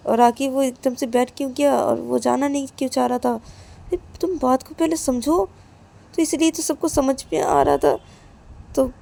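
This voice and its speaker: Brief: woman putting on a scolding young wife, high and gravelly, repeats her words. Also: dark tone. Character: young wife, quick to argue and to apologise. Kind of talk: storytelling with acted dialogue.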